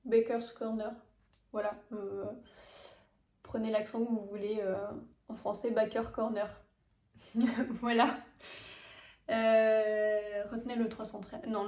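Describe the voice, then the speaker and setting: Lady chatting about her knitting, kinda high voice, lots of umms, roomy sound from far off. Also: darkish tone. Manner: hesitant, many filler sounds and restarts. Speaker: knitting podcast host. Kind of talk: casual show-and-tell vlog. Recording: echoey room, mic set back.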